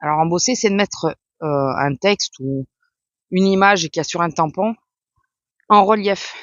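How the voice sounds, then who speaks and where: A woman's voice: fairly low pitch, a little slow, no room sound. A woman vlogger rambling casually and explaining crafts, with many fillers and restarts. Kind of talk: casual chat. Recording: dull lo-fi sound.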